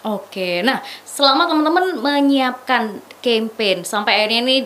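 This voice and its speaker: High-voiced young woman hosting a chat. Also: expressive, fairly bright tone. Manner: chatty, laughs often, quick questions. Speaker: talk show host. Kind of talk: casual studio chat. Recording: faint background noise.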